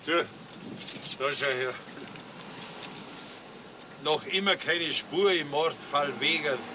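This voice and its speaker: A man's voice: a little high, takes it slowly, noisy background. An actor playing a nosy, affable older working man with a Bavarian accent in a 1960s German crime series. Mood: affable, probing.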